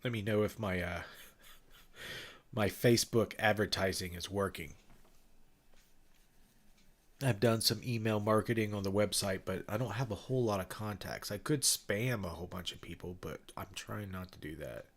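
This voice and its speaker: A man with a low, stuffed-up, nasal voice talks at a normal speed but pauses often. He's a livestream host who organizes ghost-hunting events, rambling loosely through casual chat with viewers, full of fillers and restarts.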